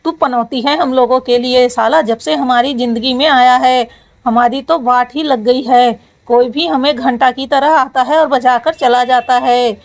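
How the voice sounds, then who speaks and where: A woman's voice: sits high, fairly even intonation, a little slow. A woman voicing a sore, whiny young male college student who complains and scolds his friend. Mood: aggrieved.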